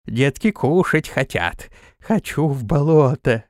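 Brief: gloating swamp kikimora, female, slow hungry drawl, dry close sound; a man acts her out. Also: mid-range voice, lively intonation, no room sound.

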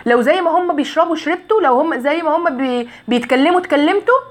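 A woman with an Egyptian Arabic accent teaching Quran recitation rules, drawing out syllables slowly as drills and asking and answering her own questions. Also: high voice.

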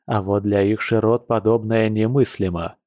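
A man reading a novel aloud as an audiobook narrator, telling the story in a steady, even way. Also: on the low side, moderate pace, no room sound, studio quality. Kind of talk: scripted narration.

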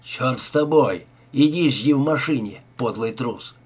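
A man's voice: medium pitch, lively intonation, moderate pace, breathy edge, muffled recording. A man voicing a brutal gangster who threatens and bullies in a harsh voice. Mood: threatening. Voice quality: harsh, menacing.

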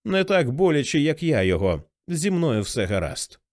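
A man reading the lines of a quiet, earnest young man in an audiobook. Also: a little high, very animated, moderate pace, no room sound, clean studio sound. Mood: remorseful.

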